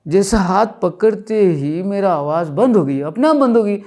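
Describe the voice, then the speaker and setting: A man, an interview guest, recounts a personal spiritual experience in halting, repetitive speech that mixes in English words. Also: sits high, animated, mellow.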